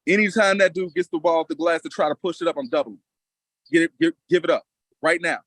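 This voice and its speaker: A man's voice: a little high, fast, a bit bright, no room sound, poor audio. A man with coaching experience breaking down basketball on a casual podcast, talking emphatically and confidently and repeating lines for effect.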